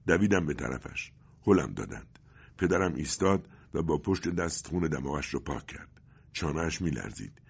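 Male audiobook narrator, extremely low voice, breathy edge, muffled dull recording. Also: lively intonation. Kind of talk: scripted story narration.

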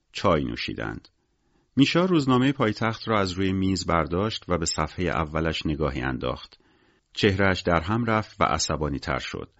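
A man reads a novel aloud in a measured, expressive storytelling manner. His voice is very deep, but his pitch rises and falls in a lively way. The recording sounds dull and slightly lo-fi. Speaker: narrator. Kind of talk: scripted audiobook narration.

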